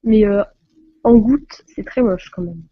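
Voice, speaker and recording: A woman's voice: medium pitch, a little slow, dry recording, phone-quality sound. A woman from France hosting a casual live stream on her phone, laughing often and flustered by technical trouble.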